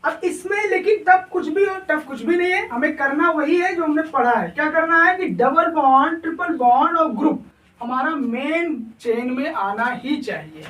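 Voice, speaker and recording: A man teaching a chemistry lesson in a high voice, with the sound of a bare, echoing room. He is a bit far from the microphone. He poses questions to the class and answers them himself. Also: normal speed, bright, forceful tone. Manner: checks in often with the class. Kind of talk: classroom lecture at a whiteboard. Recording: echoey room, voice far from mic.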